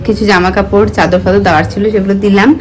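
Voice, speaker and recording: A woman's voice: mid-range voice, fairly even intonation, very fast, slight background noise, rough recording. A woman, talking casually through her daily routine in a home vlog. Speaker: vlogger.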